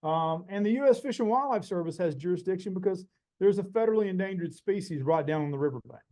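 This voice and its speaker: Guy in his 40s, botany prof telling a story, casual and animated, slightly higher voice. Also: fast, poor audio. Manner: animated, casual, acts out dialogue. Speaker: botany professor. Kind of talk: storytelling talk.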